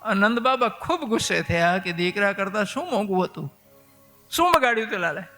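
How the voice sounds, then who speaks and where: A man's voice: sits high, animated, fairly quick, sharp tone, faint music behind. A man, telling a devotional story as a sermon with emotive exclamations.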